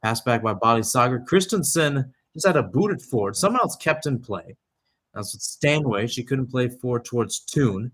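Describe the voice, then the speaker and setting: A young adult man calls a soccer match as a live radio-style play-by-play commentator, speaking in short clipped phrases with asides and self-corrections. His voice is medium-pitched and animated, with a breathy edge, at a normal speed.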